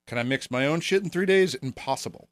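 Male podcast guest, musician type, mid-pitched, conversational, dry close sound. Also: expressive, fast talker, no echo. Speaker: musician and mixing engineer. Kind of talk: casual podcast chat.

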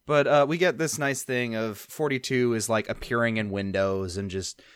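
A man's voice: medium pitch, fairly even intonation, moderate pace, a bit bright, clean tone, dry recording, studio quality. A man co-hosting a podcast, recapping an episode in casual chat with hesitant fillers. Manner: recaps plot with hesitant fillers and quoted lines. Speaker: podcast co-host recapping an anime.

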